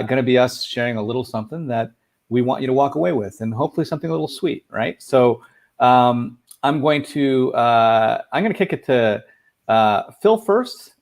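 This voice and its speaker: A man hosting a casual video-call discussion, talking haltingly with many uhs. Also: mid-range voice, a little mellow. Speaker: host.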